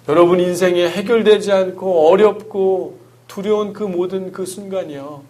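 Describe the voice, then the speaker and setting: A man's voice: fairly high pitch, darkish tone, slight background noise. A man, a pastor, preaching an earnest sermon with emphatic rhetorical questions to his congregation.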